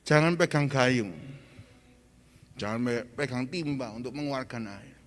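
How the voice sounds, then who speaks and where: A man preaching as a pastor, telling stories with animated voices and swinging between loud urging and soft, hushed lines. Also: mid-range voice, unhurried, big-room sound. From Indonesia. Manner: animated storytelling, acts out cries for help. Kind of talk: sermon.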